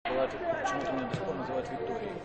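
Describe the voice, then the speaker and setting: A man's voice: very high voice, big pitch swings, racing, gravelly. A man chatting casually as a spectator. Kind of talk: casual chat. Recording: noisy echoey stadium crowd, off-mic. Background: loud crowd and outdoor noise.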